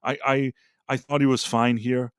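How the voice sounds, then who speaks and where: A man's voice: mid-range voice, little pitch movement, normal speed, a bit bright, clean tone, no echo, clean studio sound. A man co-hosting a pop culture talk stream, giving blunt, rambling opinions with many restarts and fillers. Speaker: podcast co-host. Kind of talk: casual opinionated chat.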